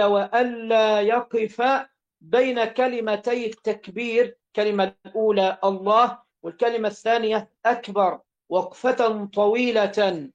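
A man's voice: sits high, muffled recording. A man with an Egyptian accent teaching religious law, reading each line of a classical text aloud, then repeating and explaining it.

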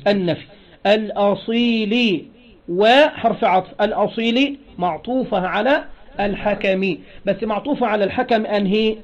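A man's voice: sits high, moderate pace. A man with an Egyptian accent teaching a classroom grammar lesson, repeating phrases and prompting his students with questions. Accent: Egyptian Arabic. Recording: dull lo-fi classroom recording.

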